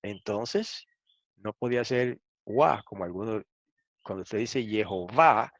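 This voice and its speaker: A man's voice: fairly low pitch, slow, no room sound. A man teaching a Bible lesson, explaining step by step and checking in with listeners. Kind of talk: lecture reading through quotations. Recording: dull, dry lo-fi recording.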